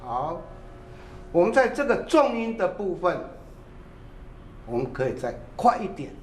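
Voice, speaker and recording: Guy teaching drums, calling out counts and quick cues, roomy echo. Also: sits high, sing-song, a little mellow, slight background noise. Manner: calls out counts and short cues between demonstrations. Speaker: drum teacher. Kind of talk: drum lesson with counting and cues.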